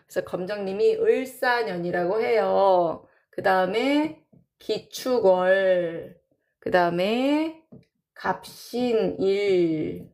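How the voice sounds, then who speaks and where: A woman's voice: medium pitch, creaky. A woman teaching a class in a casual lecture style, drawing out terms and repeating them as she counts and writes. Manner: drawn-out, repeats terms while counting and writing. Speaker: saju teacher.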